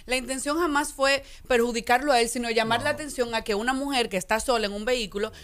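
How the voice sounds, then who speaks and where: A Dominican woman in her thirties, a guest telling her side of a story in a radio studio interview, emphatic and animated. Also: on the high side, fast. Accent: Dominican Spanish. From Dominican Republic. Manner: animated, emphatic storytelling with lively hand gestures. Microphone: studio mic on boom arm.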